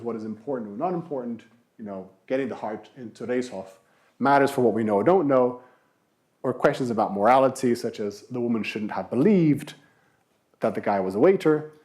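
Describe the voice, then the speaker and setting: A man's voice: mid-range voice, warm tone. A man giving a university philosophy lecture, explaining with rhetorical questions and emphatic repetition. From Brazil.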